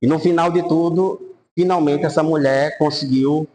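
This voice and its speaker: Man, priest, lively storytelling, highish voice. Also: normal speed, low-quality recording. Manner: animated anecdotes, voice rising and falling. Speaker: priest teaching a Bible course.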